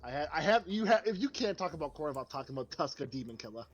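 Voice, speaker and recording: A man co-hosting a casual podcast, excitable, swearing freely and repeating himself as he talks. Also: a little high, very fast. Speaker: podcast co-host. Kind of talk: casual chat.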